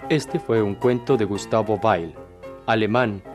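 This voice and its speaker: A man reading a short tale aloud in a slow, measured, solemn storytelling manner. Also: on the low side, over loud music. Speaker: narrator.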